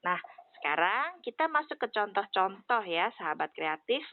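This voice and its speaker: A woman teaching a spoken lesson on English phrases, explaining clearly and modelling stressed phrases. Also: mid-range voice, big pitch swings, normal speed, slight background noise. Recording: dry, tinny phone-like sound.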